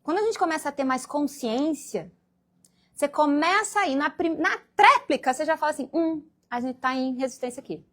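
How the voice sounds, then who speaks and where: Speaking with a high, fairly bright, animated voice at a fairly quick clip, this woman from Brazil delivers a spiritual lecture as guest speaker at a Spiritist meeting. She enacts small scenes for the congregation, shifting into different voices.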